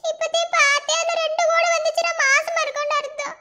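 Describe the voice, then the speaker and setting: A woman doing a squeaky young Madurai wife. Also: expressive, brisk, bright, forceful tone, heavily acted. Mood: joyful. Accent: Madurai Tamil. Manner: tearful, pleading, laughing through tears. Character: young village wife, emotional and teasing. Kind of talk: cartoon voice acting. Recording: noisy recording with clicks.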